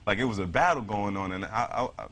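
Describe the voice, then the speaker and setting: Low-voiced earnest male interview guest. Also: a little fast, a bit bright, slight background noise. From United States, New York City. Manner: earnest, repeats himself, frequent "you know". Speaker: interview guest, military veteran. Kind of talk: conversational interview answers.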